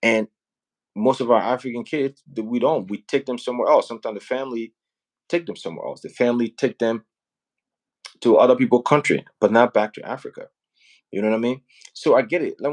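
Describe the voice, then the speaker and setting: A man from Liberia, hosting a casual live stream and talking earnestly and persuasively, often checking in with "right?". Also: medium pitch. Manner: earnest, persuasive, often asks "right?" and "you know what I mean?". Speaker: host promoting home building back home.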